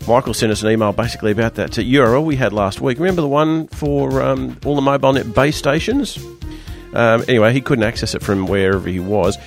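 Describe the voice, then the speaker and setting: An Australian man with a croaky, hoarse voice hosting a radio show in a casual, chatty, joking way. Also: mid-range voice, fast, faint music behind. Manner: chatty, loose, jokey banter. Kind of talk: casual panel-show presenting.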